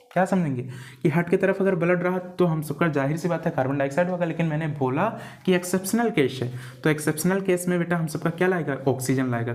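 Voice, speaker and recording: A man's voice: on the high side, a little mellow. A man teaching a classroom biology lecture, who keeps asking rhetorical questions, repeats key terms, spells words out letter by letter and calls the students "beta".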